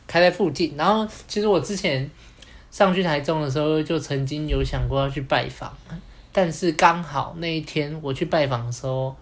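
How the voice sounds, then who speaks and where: A man's voice: fairly high pitch, moderate pace. A young man with a Taiwanese Mandarin accent, telling a personal story as a podcast co-host, rambling along with many fillers. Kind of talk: casual storytelling chat.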